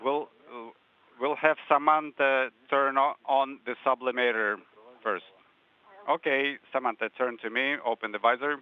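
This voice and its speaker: A man giving calm, brief step-by-step instructions over a space-to-ground radio link. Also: medium pitch, measured pace, smooth. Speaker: spacewalk crew radio communicator. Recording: tinny narrow-band radio transmission.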